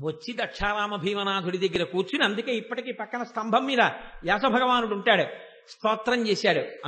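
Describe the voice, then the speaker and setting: A man delivering a devotional discourse, retelling a sacred story and turning often to his listeners with rhetorical questions. His voice is very high and bright, with a forceful, dramatic delivery. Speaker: religious discourse speaker.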